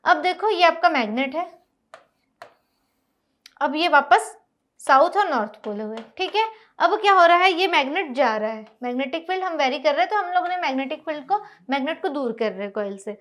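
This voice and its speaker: A woman teaching a school science lesson, explaining step by step and often asking whether it is clear. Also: high-pitched, expressive, moderate pace, fairly bright tone. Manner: explains step by step, asks checking questions. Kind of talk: classroom lecture on a whiteboard.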